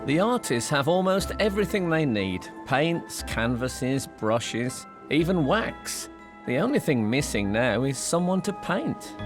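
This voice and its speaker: A man reading scripted voice-over narration for a TV art competition, measured and clear. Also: fairly high pitch, big pitch swings, music in the background.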